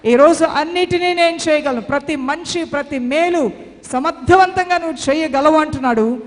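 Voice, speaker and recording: A woman's voice: high-pitched, normal speed, big-room sound. A woman preaching a sermon with fervent, repetitive exhortation.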